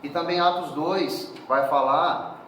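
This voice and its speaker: A man's voice: on the high side, fairly even intonation, takes it slowly, a bit bright, slight background noise. A man preaching a sermon in a church hall, talking conversationally and often adding tag questions. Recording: very echoey hall, speaker far from mic.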